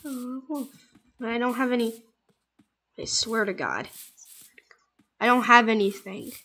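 A young gamer chats casually with a friend during a let's play of a block-building game, excitable and insistent, dropping to murmurs as she plays. Her voice is fairly high and a little slow.

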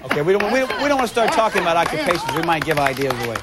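A game show host man, teasing the contestants with quick jokes. His pitch rises and falls a lot as he goes. The noisy old TV recording is carried over a loud studio audience. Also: very animated. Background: loud studio crowd.

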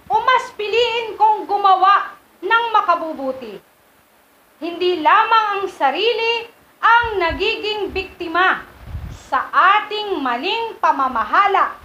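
High voiced woman reading a religious text slowly, roomy muffled sound. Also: pushed and bright. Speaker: scripture reader. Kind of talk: reading aloud. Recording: echoey, dull room recording.

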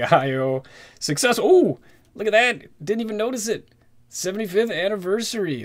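A man chatting casually while opening trading card packs, rattling off player names and getting excited at good pulls. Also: a little high. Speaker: card-collecting YouTuber. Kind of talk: casual pack-opening commentary. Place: indoors at a desk with a card display backdrop.

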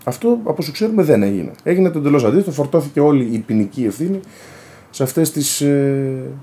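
A man giving a measured, formal commentary in a documentary interview. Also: a little high, lively intonation, warm tone.

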